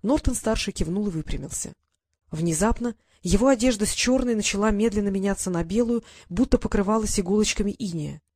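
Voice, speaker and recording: Even fantasy audiobook narrator, mid-pitched, dry booth sound. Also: brisk, no echo. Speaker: audiobook reader.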